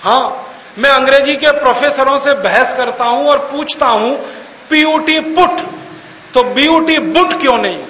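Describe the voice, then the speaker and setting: The recording is muffled, with faint hiss and the echo of a hall, as an unhurried man lectures in an extremely high, sharp voice. He's a public speaker in a mocking, argumentative mood, throwing out rhetorical questions and spelling out words letter by letter.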